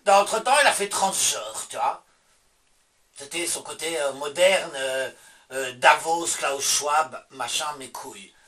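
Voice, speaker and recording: A man's voice: on the high side, a little slow, fairly bright tone, far from the mic. A man with a Belgian French accent doing a sarcastic, swearing monologue vlog, answering himself in asides. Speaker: vlogger. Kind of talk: casual ranting monologue.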